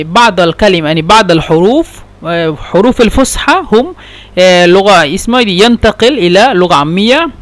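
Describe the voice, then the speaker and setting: A man from Bangladesh, a Bengali speaker, teaching a dialect lesson and repeating example phrases slowly with halting explanations. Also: sits high, a bit bright. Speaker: language teacher.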